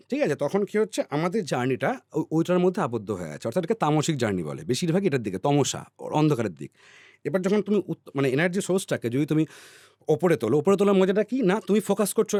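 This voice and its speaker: A man on a podcast explaining ideas at length in a teacherly way, often checking in with his listener and trailing off softly on repeated words. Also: fairly high pitch, dry recording, studio quality. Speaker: podcast guest.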